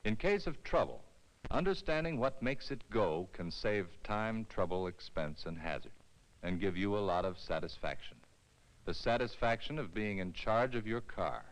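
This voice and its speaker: Here a man reads instructional film narration from a script, clear and measured in his explanations, evoking a 1970s educational soundtrack. He is on the low side and animated, captured on a rough recording.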